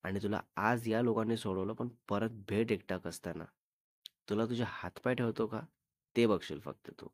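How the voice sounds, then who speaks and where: Stern protective young husband, read by a man, firm and lecturing, low and dry. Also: normal speed, dry recording, natural voice. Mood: threatening.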